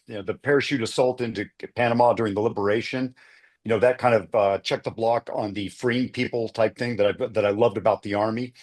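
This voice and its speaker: A man, a retired army officer, telling a long story on a video panel, rambling with many uhs and restarts. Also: mid-range voice. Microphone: video call.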